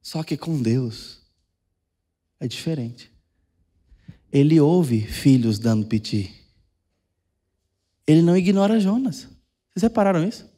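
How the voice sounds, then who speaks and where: A man with a Brazilian Portuguese accent preaching a sermon, talking conversationally, dropping to soft asides and then rising with emphasis. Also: a little high, lively intonation, measured pace, pauses often. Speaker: pastor. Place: church sanctuary.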